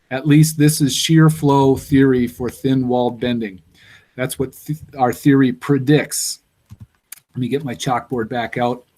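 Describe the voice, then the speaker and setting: A man's voice: medium pitch, darkish tone. A man giving a university engineering lecture, explaining step by step and thinking aloud with fillers.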